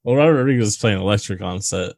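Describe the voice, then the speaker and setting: A man's voice: on the low side, quick pace, darkish tone, no room sound. A man co-hosting a casual movie podcast, crude and joking, rambling with fillers. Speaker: podcast co-host.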